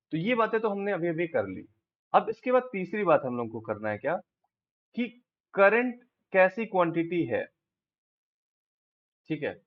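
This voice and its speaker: A man with an Indian accent teaching physics, explaining step by step and asking his students quick check questions. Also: a little high, muffled recording. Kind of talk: classroom lecture, Hindi-English mix.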